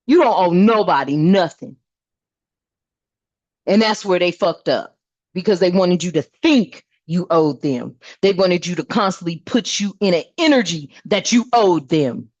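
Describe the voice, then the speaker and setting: A woman's voice: on the low side, lively intonation, unhurried, darkish tone, no echo. A woman giving a casual spiritual tarot reading, talking bluntly and emphatically and swearing often. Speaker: tarot reader. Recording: dull lo-fi dry sound.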